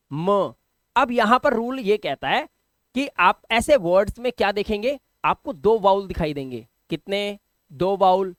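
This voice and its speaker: A man's voice: sits high, no echo. Patient male teacher, dry close sound. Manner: patient, repeats questions and answers them himself. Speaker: English teacher. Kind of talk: classroom-style pronunciation lesson.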